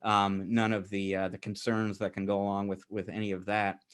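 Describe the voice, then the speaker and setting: A podcast co-host with a lowish voice chats casually over a video call at normal speed with a flat delivery. He sounds hesitant and self-deprecating, using many fillers, and the audio is very noisy.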